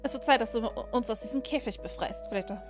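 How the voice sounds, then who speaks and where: A woman voicing a calm, cold female doll who sees herself as a queen, speaking in a low, measured, solemn way. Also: over music, natural voice.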